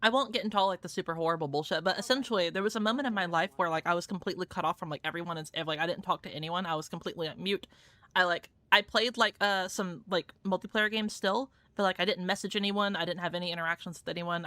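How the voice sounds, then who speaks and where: With a fairly low, bright, and forceful voice and no echo, this young adult woman hosts viewer games on a live stream. Her chat is casual and profane, heavily sprinkled with "like."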